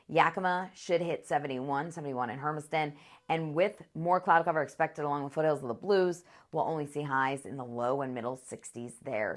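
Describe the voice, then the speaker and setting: Low-pitched lady doing the morning weather, chatty and upbeat. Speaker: meteorologist. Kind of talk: TV weather forecast.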